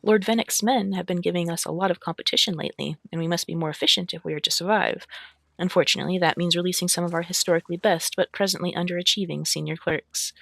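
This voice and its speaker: A streamer reading aloud, voicing a managing clerk who politely dismisses an employee, in a gravelly, dry-sounding voice. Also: medium pitch, steady tone, fast, a bit bright, no room sound. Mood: cool. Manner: polite and businesslike.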